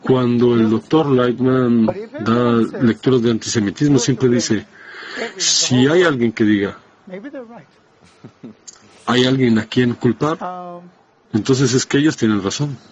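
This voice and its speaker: Slow, hesitant man on a dull recording. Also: medium pitch. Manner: halting, hesitant, many restarts. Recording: dull lo-fi sound.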